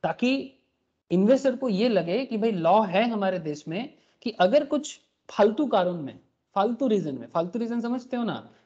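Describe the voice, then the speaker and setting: A man teaches an online class over a recorded meeting call. His voice is mellow and the audio is dull and lo-fi. He keeps asking the students questions and checks that they follow. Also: sits high, sing-song, unhurried. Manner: explains with rhetorical questions and frequent checks. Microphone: computer mic on a recorded video call.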